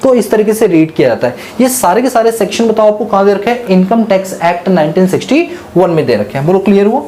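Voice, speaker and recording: A man teaching a tax lecture who asks his class questions and answers them himself. He mixes English terms into his Hindi and slows down to read quoted passages. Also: sits high, lively intonation, dark tone. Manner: reads quotes slowly and deliberately.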